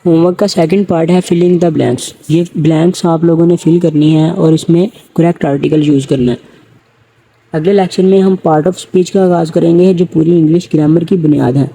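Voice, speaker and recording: A man's voice: fairly high pitch, fairly even intonation, dark tone, a little hiss or hum, rough recording. A man teaching an English grammar lecture, who asks his students questions and then answers them himself.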